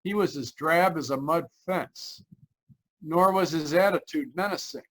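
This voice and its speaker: Over a remote video call, an actor voices an uneasy motorist telling a spooky roadside tale in old-time radio mystery fashion as lead narrator. He sounds haunted and brooding, hesitant yet dramatic, with a high-side, fairly bright voice at a measured pace. The recording is rough.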